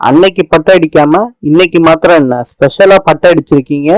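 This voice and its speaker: A man's voice: fairly high pitch, a little fast, dry recording, close to an everyday voice, poor audio. A man voicing a quarrelsome young wife, scolding in a dry, close voice. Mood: irritated. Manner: scolding, argumentative. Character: young woman, sharp-tongued quarrelsome wife.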